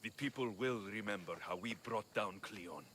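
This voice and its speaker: Bright, forceful Greek mercenary hero played by a man. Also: on the low side, moderate pace, a little hiss or hum, lightly acted. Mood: grieving. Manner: plain-spoken, terse. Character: battle-worn young Greek mercenary hero, earnest and guarded. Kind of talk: dramatic video game cutscene acting.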